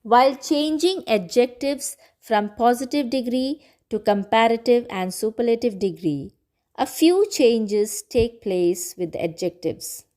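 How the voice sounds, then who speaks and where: A woman teacher giving a patient grammar lesson to children, repeating words slowly and clearly. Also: a little high, animated, a little mellow. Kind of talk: slow classroom grammar lesson.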